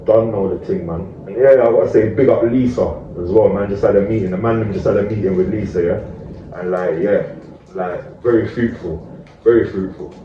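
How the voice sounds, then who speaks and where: Male, London roadman accent, emphatic slangy street speaker, lowish voice, recorded dull and off-mic. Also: normal speed. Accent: London roadman, multicultural street London. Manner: emphatic, slang-heavy, repeats tag questions. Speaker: community activist speaker. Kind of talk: street talk addressed to camera. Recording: roomy, distant, dull audio with faint noise.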